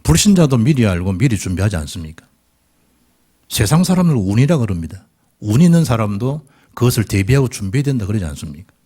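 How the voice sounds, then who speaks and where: A middle-aged pastor preaches a sermon, his low, dark, slightly husky voice leaping up and down as he acts out the quoted lines of biblical figures. He switches between plain teaching and lively dialogue. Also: quick pace.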